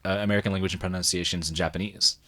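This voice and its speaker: A man with a fairly low voice hosts a casual podcast and works through a beginner lesson as the student. He is self-deprecating and scatters "like" through his sentences. He speaks into a close podcast mic. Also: fairly even intonation, very fast, fairly bright tone. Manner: self-deprecating, many "like" fillers. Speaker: podcast host.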